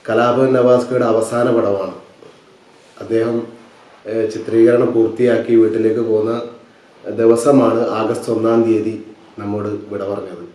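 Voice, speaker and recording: A man's voice: lowish voice, mellow, very echoey, recorded from a distance, poor audio. A man from Kerala, a film actor and dubbing artist, recounting his work in a hesitant way with many fillers. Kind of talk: interview account.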